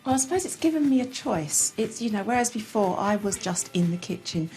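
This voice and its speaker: A woman, a mother, answering interview questions thoughtfully and earnestly. Her voice sits at an ordinary pitch. Faint music plays underneath. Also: very animated, fairly quick, darkish tone. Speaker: mother in a family food experiment.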